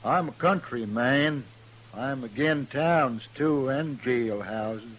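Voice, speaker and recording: In an old-time radio Western, an actor with a slightly bright, mid-range voice plays a stubborn, menacing backwoods man. He speaks in a rustic Southern US mountain Ozark dialect, blunt and slow-witted. The old radio recording is noisy.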